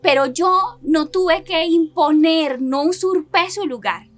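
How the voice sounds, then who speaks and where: Woman preacher, high and bright, earnest sermon delivery, direct rhetorical questions, soft music underneath. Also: takes it slowly. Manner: repeats and builds phrases in lists. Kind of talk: sermon with personal testimony.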